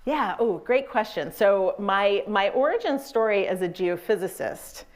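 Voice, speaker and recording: A woman's voice: mid-range voice, expressive, unhurried. Chatty woman professor from Massachusetts. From Massachusetts, USA. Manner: chatty, full of fillers and self-corrections, laughs lightly. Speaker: professor and guest speaker. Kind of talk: casual personal storytelling in an interview.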